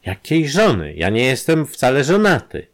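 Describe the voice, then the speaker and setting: A man voicing an agitated middle-aged factory owner under suspicion, shouting in a raised, strained voice. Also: fairly low pitch, big pitch swings, moderate pace, gravelly, husky, pitched above the performer's own voice, heavily acted. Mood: angry.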